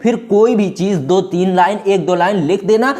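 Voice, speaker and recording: Guy teacher walking students thru exam answers, keeps asking if it's clear, friendly and direct. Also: high-pitched, moderate pace, a little mellow. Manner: explains step by step, keeps checking "ठीक है", calls students "दोस्तों" and "Babu". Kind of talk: exam-prep Hindi lesson.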